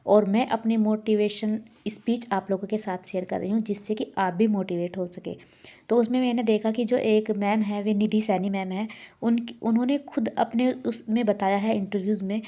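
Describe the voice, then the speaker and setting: Woman, 30s, homemaker vlogger; earnest, encouraging casual talk, dark relaxed timbre. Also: medium pitch. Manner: earnest, encouraging, repeats herself. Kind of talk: casual motivational vlog talk.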